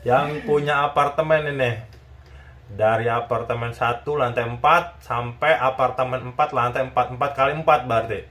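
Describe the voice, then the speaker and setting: A man's voice: mid-range voice, fairly even intonation, moderate pace, fairly bright tone, a little hiss or hum. A man hosting a casual chat interview, talking in a teasing, chatty way and often seeking agreement. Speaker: YouTube channel host.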